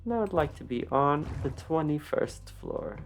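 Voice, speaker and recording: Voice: medium pitch, animated, normal speed, soft background music. A video creator with a slight lisp from wearing retainers gives a casual, unscripted tour commentary with rambling, self-deprecating asides. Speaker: video creator giving a game build tour.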